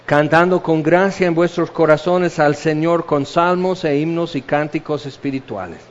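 A man's voice: fairly high pitch, normal speed, big-room sound. A man preaching a sermon in a conversational way, acting out the quotes he uses. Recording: dull lo-fi sound.

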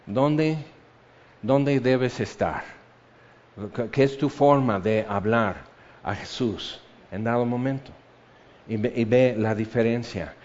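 A man preaching a sermon, animated, swinging between loud bursts and hushed, intimate passages. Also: medium pitch, slow. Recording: dull lo-fi sound.

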